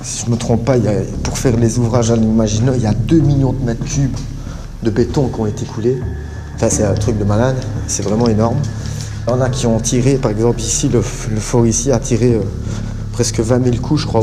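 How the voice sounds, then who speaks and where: A man with a Belgian French accent narrating an urban exploration vlog in a casual, rambling way, full of fillers and slang and often dropping to a hushed voice, deep underground in concrete tunnels. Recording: long echo in underground tunnels, faint noise.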